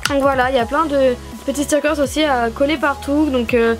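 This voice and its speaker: High-voiced gushing young Frenchwoman. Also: steady tone, brisk, faint music behind. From France. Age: young adult. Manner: gushing, enthusiastic, chatty with fillers. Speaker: YouTuber unboxing stationery. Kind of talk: casual vlog unboxing.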